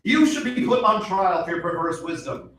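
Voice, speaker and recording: A man's voice: high-pitched, lively intonation, normal speed, over music. An actor playing an arrogant, hot-tempered young king in a stage reading, barking orders with contempt. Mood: scornful. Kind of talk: stage reading of a musical play. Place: theater stage. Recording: very echoey hall, mic far off.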